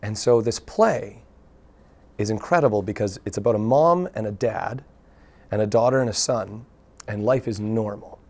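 Gravelly guy on a local tv chat show, eager storyteller, keeps restarting his sentences. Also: on the low side, moderate pace. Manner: earnest, animated storytelling with frequent restarts. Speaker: guest, local theatre artist. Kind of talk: casual interview talk. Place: TV studio.

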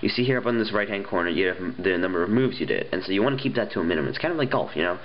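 Sitting at an indoor wooden table, a young app reviewer who is getting sick and stuffed up rambles casually about phone games, with many ums and restarts. His deep voice is rapid-fire with lively intonation. The recording is muffled and has slight background noise.

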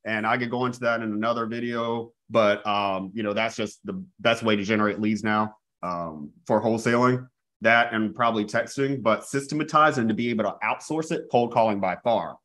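This real estate coach in his thirties speaks fairly quickly in a lowish voice, energetically calling out to his webinar audience with repeated "guys" and frequent restarts. He's in a small indoor room, on a video call through an earphone mic.

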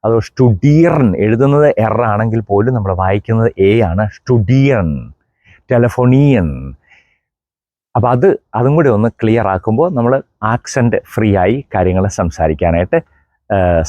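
A middle-aged priest from Kerala giving a German pronunciation lesson, spelling out contrasting sounds and repeating examples slowly. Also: male voice, medium pitch, a little mellow, dry recording, lo-fi sound. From Kerala, India. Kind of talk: explanatory language lesson.

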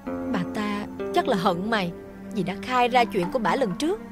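A woman's voice: medium pitch, expressive, moderate pace, music in the background, lightly acted. An actress playing a middle-aged servant woman, blunt and scolding but kind, with a Southern Vietnamese accent. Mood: gruff, soothing. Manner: blunt, scolding yet soothing. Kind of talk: TV folk-tale drama acting.

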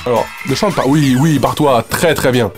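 A man's voice: medium pitch, normal speed, over music. A man hosting a French let's play, joking, swearing and reading the game's lines aloud as he goes. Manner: profane, sarcastic, swings between mutters and outbursts. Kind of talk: casual gameplay commentary with voiced dialogue.

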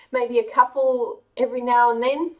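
This cooking channel host, a middle-aged woman with an Australian accent, keeps her casual kitchen vlog cheerful and chatty as she moves around a large home kitchen. Her slightly high voice has little pitch movement, a measured pace and a slightly mellow tone. Captured by a camera a few meters off, the audio is distant and dull.

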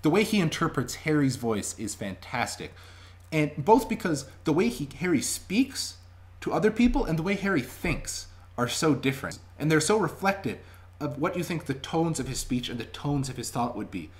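In a small room at home, a young man vlogs an audiobook review into a webcam mic at arm's length. He talks casually and with emphasis, enthusiastic and chatty, in a fairly high, sing-song voice at a moderate pace.

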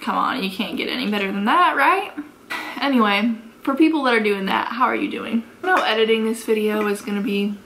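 A woman's voice: on the high side, fairly quick, gravelly, a bit bright, a little hiss or hum, poor audio. An American woman in her twenties chatting casually through a makeup tutorial, giggly drunk, rambling and swearing freely. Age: 20s. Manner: sweary, unfiltered. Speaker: beauty vlogger. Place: carpeted bedroom, indoors.

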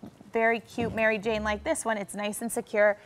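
A woman's voice: medium pitch, little pitch movement, a little fast, rough recording. An American woman in her thirties or forties giving a chatty product demonstration on a home shopping show in a studio.

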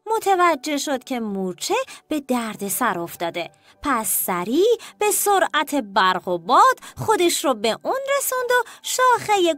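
A woman narrating children's stories in a scripted, animated way, talking directly to the kids. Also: a little high, dry recording. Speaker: storyteller. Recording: soft music bed.

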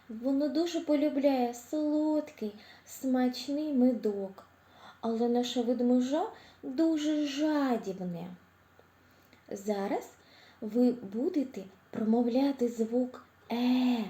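A woman speech therapist with a Ukrainian accent giving a slow, clear lesson for small children, cheerful and encouraging, pronouncing each sound with care. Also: fairly high pitch, reverberant. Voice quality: articulates sounds with care, drawn-out vowels. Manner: drops to a whisper to show quiet sounds. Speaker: speech therapist teaching preschoolers.

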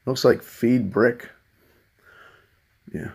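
A man's voice: medium pitch, fairly even intonation, extremely slow, vocal fry, darkish tone, breathy edge. A man hosting his own lottery video, talking to himself in a wry, sarcastic running commentary as he scratches tickets. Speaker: channel host.

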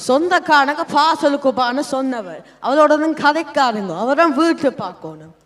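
A fussy, nagging mother from an amateur stage play, played by a young actor. She chides her family in a Sri Lankan Tamil accent, and the voice is fairly high. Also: expressive, moderate pace, fairly bright tone. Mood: fussing. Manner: chiding, fussing.

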